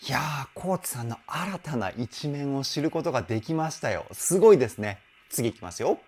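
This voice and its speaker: A man's voice: mid-range voice, expressive, brisk, darkish tone, faint music behind. A young man, a vocal coach, chatting enthusiastically while reacting to and analysing a song, laughing often.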